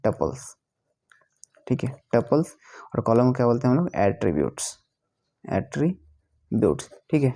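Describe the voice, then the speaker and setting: A man's voice: medium pitch, warm tone. A male teacher explaining a lesson, repeating each question and answering it himself, often correcting himself mid-sentence.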